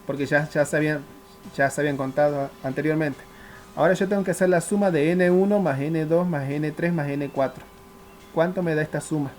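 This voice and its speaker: A man teaching a math class, working through each step and often asking whether the students follow. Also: on the high side. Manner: works step by step, often checks understanding with the class; asks questions and answers them himself. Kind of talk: classroom lecture.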